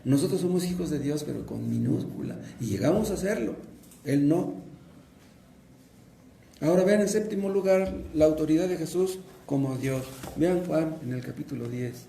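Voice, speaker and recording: A man's voice: a little high, normal speed, gravelly, warm tone, reverberant, a little hiss or hum. A man, a pastor with a Mexican Spanish accent, preaching a sermon and asking and answering his own questions.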